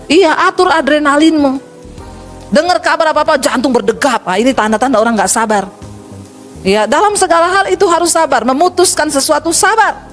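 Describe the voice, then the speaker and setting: High-pitched, lively woman pastor preaching. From Sulawesi. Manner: lively, humorous preaching, acts out quoted voices, addresses congregation as saudara. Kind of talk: sermon.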